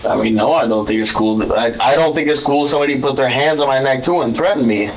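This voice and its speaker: A man's voice: medium pitch, fast, a little hiss or hum, poor audio. An eighteen-year-old man being questioned by police, defiant and slangy, demanding a lawyer. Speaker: interrogation suspect. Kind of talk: police interrogation. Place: police interrogation room.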